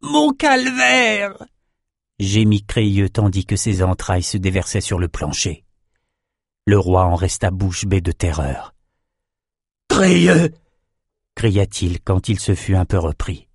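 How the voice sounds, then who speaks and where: A man reading a fantasy story aloud in a steady, vivid storytelling manner. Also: low voice, measured pace, slightly rough, dry recording, clean studio sound. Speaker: audiobook narrator. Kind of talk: scripted narration.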